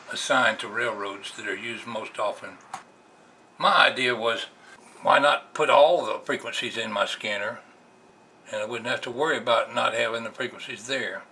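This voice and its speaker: An American hobbyist vlogger explains something in a casual, plainspoken way while indoors at a computer, recorded noisily on a camera's built-in mic. His medium-pitched voice is creaky, bright and forceful.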